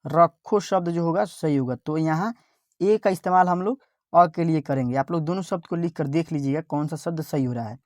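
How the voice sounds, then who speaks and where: A woman teacher, giving an online spelling lesson, sounding out letters slowly and repeating each word. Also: low voice, a little mellow, no echo, studio quality.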